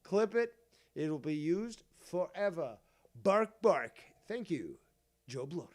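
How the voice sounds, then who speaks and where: Guy hosting a drama stream, kinda high voice, slow hammy announcer thing, swears a lot. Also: very animated, warm tone. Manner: theatrical announcer delivery with crude profanity. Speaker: stream host. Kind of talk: livestream drama talk.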